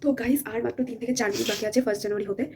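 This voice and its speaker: A young woman with a Bengali accent chatting casually to her vlog viewers, sometimes hushed so as not to wake her family. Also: fairly high pitch, racing, background noise. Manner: hushed late-night talk; excited pointing at fireworks. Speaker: vlogger.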